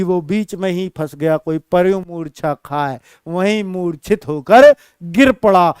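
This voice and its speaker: High-voiced, slow Hindi teacher. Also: male voice, darkish tone, clean tone, no room sound, clean studio sound. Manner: recites verses slowly, then explains with frequent address to students. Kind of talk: exam-prep Hindi lesson.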